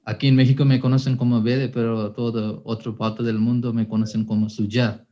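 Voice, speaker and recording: A man, a priest and formator, giving a personal testimony at a workshop. His voice sits at an ordinary middle pitch, and he talks at an easy pace, pausing and correcting himself often as he goes. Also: flat delivery, warm tone, lo-fi sound. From Sri Lanka. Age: 30s. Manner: unhurried, with frequent hesitations and self-corrections.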